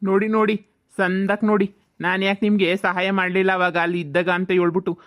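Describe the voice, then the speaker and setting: A performer voicing a gruff male ghost in a cartoon who scolds and lectures in a commanding way. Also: medium pitch, flat delivery, a little fast, fairly bright tone, close to an everyday voice. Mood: lecturing. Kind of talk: cartoon voice acting.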